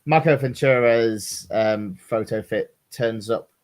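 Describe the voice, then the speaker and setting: A man's voice: on the low side, takes it slowly, darkish tone. Hesitant man explaining game rules. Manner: hesitant, apologetic. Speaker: player.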